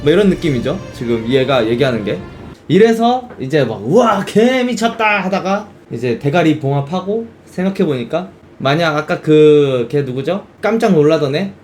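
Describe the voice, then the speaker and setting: Faint music plays behind a young man who streams games, his voice on the high side and his speed normal. In casual game chat he gets animated, exclaiming and performing quoted reactions.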